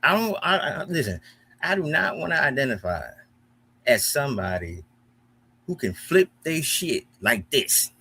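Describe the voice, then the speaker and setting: Heated, profane American man, animated. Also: mid-range voice, unhurried, gravelly, slightly rough. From United States. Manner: animated, profane, repeats himself when heated. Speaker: commentary host. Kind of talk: heated reaction commentary.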